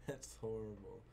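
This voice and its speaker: A man's voice: fairly low pitch, background noise. A man hosting a casual gaming session with a friend, laughing constantly, swearing and cheering during play. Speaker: gaming channel host.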